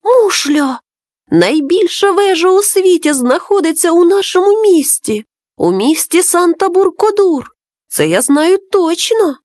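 A woman's voice: sits high, animated, measured pace, a little mellow, no echo, studio quality. A woman voicing a small boy who misses his mother, speaking in an eager, wistful, childlike way in a storybook.

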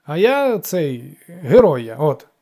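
A drunk young hero, as a male narrator puts him on, slurring and mumbling. His words drag out slowly. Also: on the high side, big pitch swings, mellow, voice pushed up, full character voice.

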